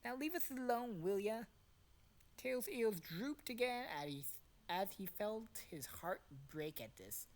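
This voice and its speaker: A young woman, narrator and podcast cast member, tells fan fiction in a dramatic yet casual, jokey way, dropping profane asides. Her mid-range voice is sing-song and darkish, at a measured pace.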